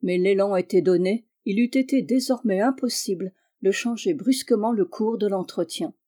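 A woman reads a classic novel aloud, measured and even in her storytelling. Her voice is mellow and warm. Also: mid-range voice. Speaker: audiobook reader.

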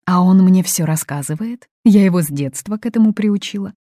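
A woman reading an audiobook, voicing a domineering, controlling middle-aged mother who talks loud and imperious. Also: fairly low pitch, a little fast, no room sound, studio quality, voice pushed up, close to an everyday voice.

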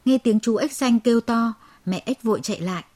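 A woman telling a children's fable in a measured, expressive way. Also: fairly high pitch, no echo. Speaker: storyteller. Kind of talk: children's story narration.

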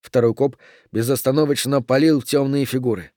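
A man's voice: mid-range voice, steady tone, brisk, dark tone, no room sound. Man reading a thriller in a dry booth. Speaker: audiobook narrator. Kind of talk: scripted thriller narration.

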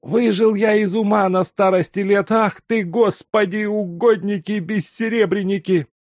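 A man's voice: sits high, steady tone, unhurried, no room sound, pitched above the performer's own voice. A man voicing an old male servant who rambles on in tearful, chattering bursts. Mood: overjoyed.

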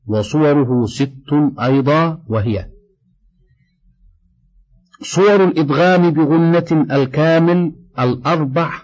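A man reading a tajweed textbook aloud, steady and measured, slowing down to recite quoted verses. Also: on the high side, highs cut off. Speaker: Quran recitation teacher.

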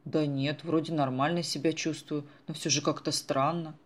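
A reader voicing a dazed middle-aged male antiques appraiser in a storybook who talks in a bewildered, slow way. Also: mid-range voice, flat delivery, close to an everyday voice.

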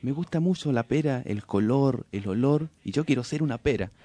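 A man's voice: medium pitch, animated, a little fast, mellow, no echo, lightly acted. A man voicing a young araucaria tree in a spoken folk tale. The tree is crying and longs to be something else, and it speaks in a plaintive, wistful way. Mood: longing.

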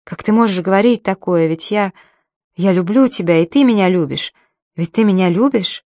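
A woman's voice: medium pitch, moderate pace, a little mellow, no room sound, studio quality, natural voice. A woman reading an audiobook, voicing a desperate, frightened man pleading with his lover. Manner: frantic, pleading.

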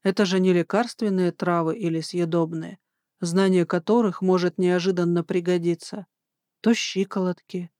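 An audiobook narrator reading a romance novel in even, scripted narration. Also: mid-range voice, normal speed, no echo, studio quality.

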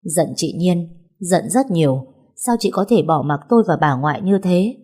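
A woman reads a first-person novel aloud, steady and somber. Her voice sits low and mellow, with a husky, breathy edge. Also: normal speed. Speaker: audiobook narrator.

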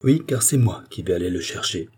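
A man voicing a grieving nobleman who speaks softly and gravely, in a mellow, husky voice. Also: low-pitched, expressive, fairly quick. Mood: urgent. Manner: soft, subdued. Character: grieving noble count, gentle and sorrowful.

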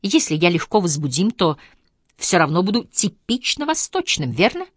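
A woman reading a calm, wry young man. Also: fairly low pitch, normal speed, slightly rough, dry recording, clean studio sound. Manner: wry, composed, gently sarcastic. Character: young man, calm ironic solicitor on trial. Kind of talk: audiobook character voice.

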